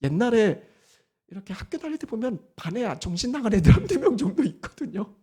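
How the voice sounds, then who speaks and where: Woman pastor preaching a sermon, husky voice, pitch jumping all over, lots of questions to the pews. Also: fairly quick. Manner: animated preaching, frequent rhetorical questions to the congregation. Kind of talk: Sunday sermon.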